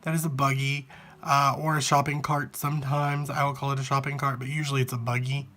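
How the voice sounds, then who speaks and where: A man from the American South with a Southern accent, chatting casually and unscripted into a handheld phone, rambling a little and sounding out words deliberately. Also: mid-range voice, little pitch movement, sharp tone. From Southern United States. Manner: repeats single words slowly to demonstrate pronunciation, rambling. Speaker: vlogger answering an accent challenge. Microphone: handheld phone at arm's length.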